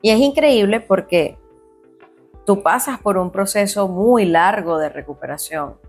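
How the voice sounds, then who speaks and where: A woman's voice: mid-range voice, unhurried, a little mellow, faint music behind. A woman hosting an interview podcast who offers supportive, reflective remarks about faith. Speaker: podcast host. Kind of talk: conversational interview.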